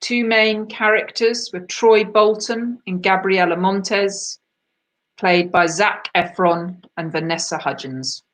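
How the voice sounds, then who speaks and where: A woman of middle pitch running an online quiz night, going through the answers one by one. She chats between them, pokes fun at herself and drifts off into asides. Her voice comes over a video-call microphone. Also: slow pace, a bit bright. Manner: chatty and self-deprecating, laughs at herself. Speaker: quiz host.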